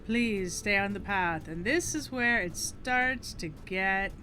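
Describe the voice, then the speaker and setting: A woman's voice: mid-range voice, takes it slowly, bright, forceful tone, slight background noise. A woman giving casual live commentary as she plays through a game. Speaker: game streamer.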